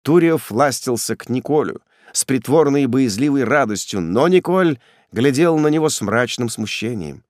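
A man narrating a classic novel in a measured, dramatic storytelling way. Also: mid-range voice, expressive, a little mellow, dry recording, studio quality. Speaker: audiobook narrator. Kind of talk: scripted literary narration.

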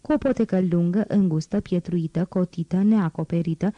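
A woman narrating a classic novel as an audiobook reader, in a measured, even storytelling manner. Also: fairly low pitch, dry recording, lo-fi sound. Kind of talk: audiobook reading.

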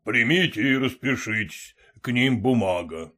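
A man voicing a stern, officious government courier with a deep voice. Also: lively intonation, unhurried, fairly bright tone. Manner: stiff, officious.

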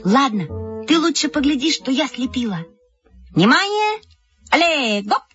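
A woman voicing a lively, insistent schoolgirl friend who talks high and shouts eagerly. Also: normal speed. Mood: excited. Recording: dull lo-fi with music behind.

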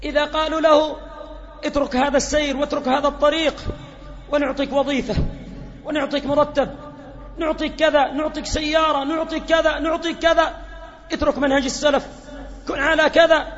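A man preaching a sermon with passion, often building to shouts. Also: very high voice, level tone, fairly quick, long pauses. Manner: impassioned, rising to shouts. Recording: long hall reverb, dull lo-fi sound.

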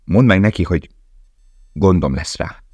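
A man's voice: low-pitched, a little mellow, husky, no echo. A man reading as a desperate, determined young prisoner. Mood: urgent. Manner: urgent, commanding.

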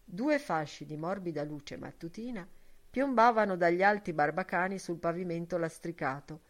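A woman with a somewhat low voice reads a literary novel aloud. Her narration is measured and steady, the calm pace of a classic audiobook.

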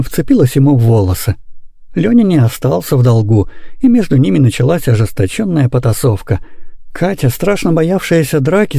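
A man narrating a children's story aloud in an expressive, animated way. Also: on the high side, gravelly, dry recording, studio quality. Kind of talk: audiobook reading of a children's story.

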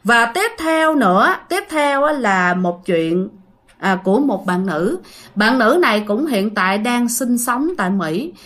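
A woman's voice: a little high, lively intonation, measured pace, fairly bright tone. A woman casually retelling a ghost story, chatty and full of fillers, speaking to her listeners.

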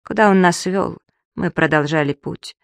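Soft-voiced audiobook narrator, dry close sound. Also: female voice, fairly low pitch, no room sound. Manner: soft, measured, emotional reading. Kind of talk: scripted first-person narration.

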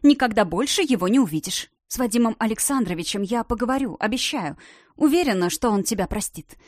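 A woman's voice: fairly high pitch, expressive, fairly quick, a little mellow, dry recording. Woman reading a cold stern mentor, clipped, authoritative, dry recording. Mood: commanding. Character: cold, commanding middle-aged woman mentor.

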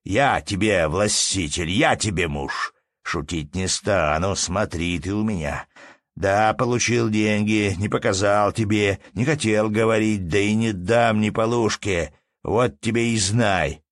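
A man doing a gruff, bossy steward. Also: low-pitched, animated, slow pace, no echo, clean studio sound, exaggerated voice. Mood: domineering. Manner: gruff, bossy, mocking laughter. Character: blustering domineering male village steward, middle-aged.

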